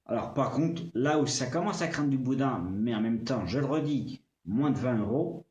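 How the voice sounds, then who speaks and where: Speaking at medium pitch and a moderate pace, this slightly mellow male tech reviewer is heard in an echoey room with the highs cut off. He reviews a small speaker casually on a livestream, playful and talkative, speaking directly to the viewer with tu and the occasional swear word.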